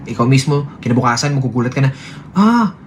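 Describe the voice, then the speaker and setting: A man's voice: on the high side, expressive, quick pace, slight background noise. A man sitting beside his partner, giving earnest relationship advice in a casual heart-to-heart chat, mixing English phrases into his talk and repeating himself. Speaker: vlogger talking with his partner.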